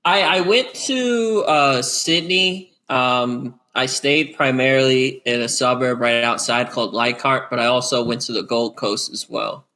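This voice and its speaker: A man co-hosting a podcast, eager and quick to laugh, with faint background noise. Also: mid-range voice, bright, forceful tone. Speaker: podcast co-host. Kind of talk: casual interview chat.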